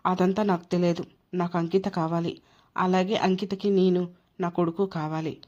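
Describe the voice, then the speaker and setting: A woman's voice: fairly low pitch, level tone, moderate pace, a little mellow, natural voice. A woman voicing a stubborn, harsh husband who speaks firmly and dismissively in an emotional audio story. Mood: firm, cold. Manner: firm, blunt, dismissive. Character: stubborn harsh husband, man, cold and unyielding. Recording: dull lo-fi recording.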